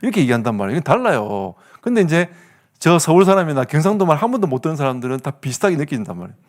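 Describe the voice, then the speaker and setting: A man's voice: on the high side, big pitch swings, rapid-fire. A male pastor with a Gyeongsang accent preaching a sermon, telling stories with comic asides and laughter. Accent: Gyeongsang Korean. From South Korea.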